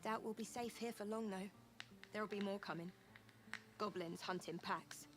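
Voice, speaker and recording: A woman's voice: medium pitch, fairly even intonation, normal speed, over music, natural voice. An actress playing a wary refugee woman in a fantasy game. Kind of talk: fantasy game character acting.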